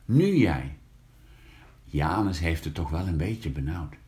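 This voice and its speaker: A man reading a children's story aloud, slow and expressive, lifting his voice for the characters. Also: a bass voice.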